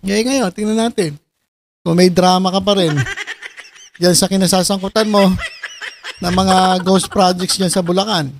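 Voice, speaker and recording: A man's voice: sits high, steady tone, unhurried, pauses often, slight background noise. A man giving casual reaction commentary, mocking and sarcastic, often breaking into laughter. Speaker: video commentator.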